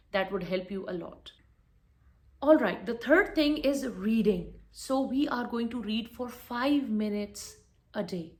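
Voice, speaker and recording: A woman's voice: mid-range voice, darkish tone. A woman giving a spoken English lesson, firm and instructive, repeating her key points. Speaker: English teacher.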